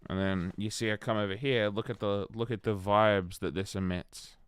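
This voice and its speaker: A man's voice: on the low side, fairly even intonation, normal speed, smooth, no room sound. A man chatting casually on a gaming livestream, rambling and answering his chat by name. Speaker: streamer.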